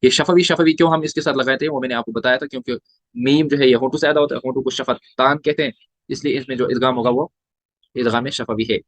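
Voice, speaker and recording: A man's voice: mid-range voice, fairly even intonation, fast talker, dry recording. A man teaching a tajweed lesson, spelling out letters and vowel marks one by one and asking and answering his own questions. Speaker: Quran recitation teacher.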